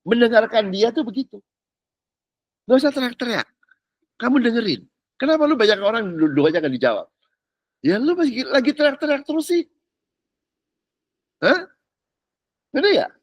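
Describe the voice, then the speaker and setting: Animated man preaching. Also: very high-pitched, moderate pace, long pauses, no room sound, poor audio. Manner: animated, slangy, keeps asking "ngerti nggak?". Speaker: pastor. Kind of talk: casual sermon.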